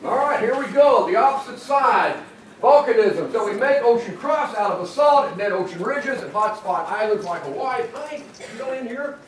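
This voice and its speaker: A man giving a lively, playful university geology lecture to students in a lecture room. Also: high voice, moderate pace, a little hiss or hum. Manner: animated, playful, talks to students. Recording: echoey room from far off.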